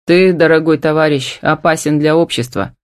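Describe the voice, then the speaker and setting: A woman voicing a curt, stern older brother who speaks in a low, dry voice. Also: steady tone, normal speed, no echo, close to an everyday voice.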